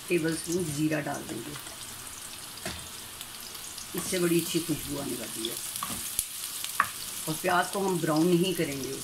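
Frying and stirring fill the noisy background as a middle-aged woman, a cooking channel host, guides viewers through a home recipe in her kitchen. She's chatty and homely, warmly calling them family, and her voice sits low.

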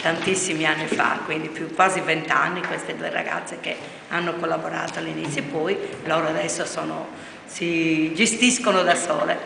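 An older woman supporting the group, calmly and modestly answering a question. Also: low-pitched, moderate pace, gravelly. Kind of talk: casual interview answer. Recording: echoey church, faint noise.

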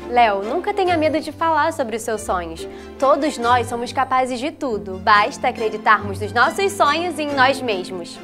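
A woman's voice: on the high side, expressive, normal speed, natural voice. A young woman playing an earnest, exclamatory adventurer girl in a children's show. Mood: excited, earnest. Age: young adult. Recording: music behind the voice.

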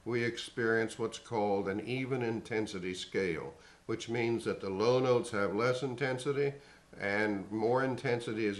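A man giving a spoken vocal lesson in a slow, measured, instructive way. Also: on the low side. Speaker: voice teacher. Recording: echoey room.

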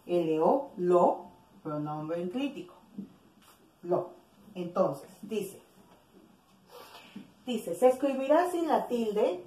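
A woman's voice: lowish voice, mellow, echoey room, poor audio. A woman teacher, patiently walking through grammar exercises in a recorded lesson and repeating the examples aloud. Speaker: primary school teacher.

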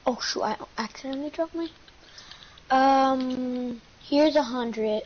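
A woman playing as a teammate in a shooter game, chatting with slow, mock-dramatic outrage. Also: high-pitched. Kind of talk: casual gaming chat. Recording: lo-fi with faint noise.

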